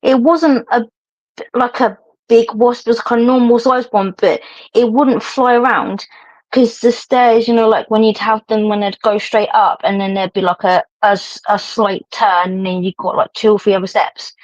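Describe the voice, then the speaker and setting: A woman's voice: a little high, fairly even intonation, normal speed, a little mellow. Chatty woman, lo-fi stream audio. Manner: chatty, rambling, laughs often. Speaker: livestream host. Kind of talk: casual chat to viewers.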